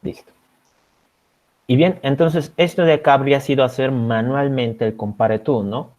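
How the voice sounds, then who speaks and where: This Bolivian man is a teaching assistant for an online programming class, walking through code step by step and checking in with students often. His mid-range voice is slightly mellow, with fairly even intonation and a normal speed. The video-call audio sounds a bit dull.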